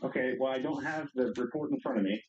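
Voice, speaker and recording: A man's voice: mid-range voice, steady tone, fast. A man heard through a conference speakerphone, carefully recalling test results from memory in a meeting call. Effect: heard over a conference speakerphone. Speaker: consultant reporting test results. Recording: echoey, dull, faint hiss over speakerphone.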